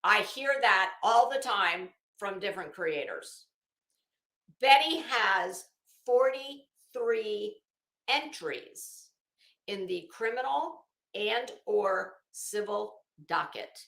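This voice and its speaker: This commentary show host has a mid-range, gravelly, slightly bright voice with lively intonation and a slow pace. She reads a document aloud while adding blunt, sardonic, incredulous remarks and casual swearing, and the room sound echoes.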